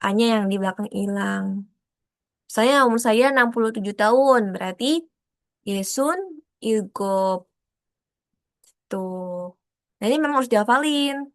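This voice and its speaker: A woman explaining a lesson in an online class over a video call, repeating examples and filling pauses as she goes. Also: a little high, no echo. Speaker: Korean language teacher.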